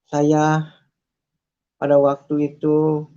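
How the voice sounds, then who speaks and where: A man telling his personal faith testimony in an earnest way, repeating phrases and pausing with fillers. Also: fairly high pitch, monotone, mellow, smooth. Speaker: testimony speaker. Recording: dull lo-fi recording.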